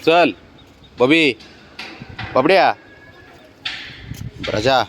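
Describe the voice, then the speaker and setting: A young man outdoors talking to his pet cat in doting baby talk, coaxing it along and scolding it gently. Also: mid-range voice, lively intonation, drawn-out words, background noise. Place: outdoors, in sun and shade.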